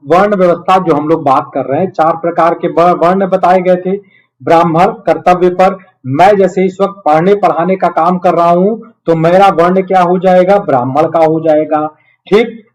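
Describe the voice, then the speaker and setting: Higher-pitched man teaching children, encouraging. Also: poor audio. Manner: encouraging, addresses students as children, frequent check-in tags. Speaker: online history teacher. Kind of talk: live quiz lesson with students, conversational teaching.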